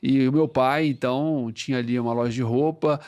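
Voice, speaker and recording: A young capixaba man from Espírito Santo, Brazil, talks as a guest and franchise founder in a casual podcast interview, telling stories. His medium-pitched voice is smooth and a little fast, and he rambles loosely with fillers, constantly tagging lines with "né?". The recording sounds muffled.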